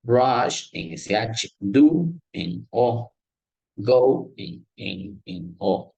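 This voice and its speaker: Man, teaching English grammar, unhurried, middle pitch, dry sound. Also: lively intonation, creaky, darkish tone, husky, dry recording, rough recording. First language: Spanish. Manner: explains step by step, checks in with "¿ya?" and "¿sí?"; switches between Spanish and English. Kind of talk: classroom grammar lesson.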